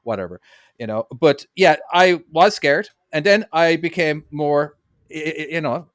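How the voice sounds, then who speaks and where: A man co-hosting a casual podcast, telling lively stories with quick restarts. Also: on the high side, dry recording, clean studio sound. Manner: quick, animated storytelling with restarts. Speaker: podcast co-host, truck driver.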